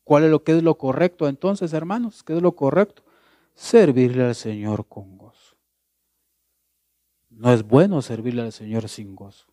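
A man's voice: mid-range voice, normal speed, pauses often, mellow, no room sound, studio quality. A man preaching a sermon as pastor. He asks questions and answers them himself, and he repeats words and phrases for emphasis.

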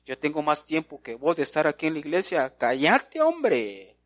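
A man voicing scornful disciples who hush a beggar. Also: fairly high pitch, wildly swooping pitch, normal speed, dry recording, studio quality. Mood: scolding. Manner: scolding, dismissive.

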